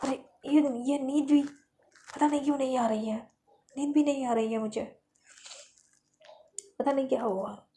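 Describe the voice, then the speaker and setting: A woman puts on a lively schoolgirl from a spoken romance story, voice pitched high and pushed loud. She scolds in rapid indignant runs, piling one complaint on the next. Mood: sleepless grumbling.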